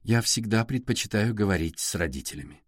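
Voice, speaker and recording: A gentle, composed young woman speaks in a soft, hushed way, as a male audiobook narrator puts her on. The voice sits low and is recorded dry and close. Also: lively intonation, fairly quick, no room sound. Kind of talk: audiobook character reading.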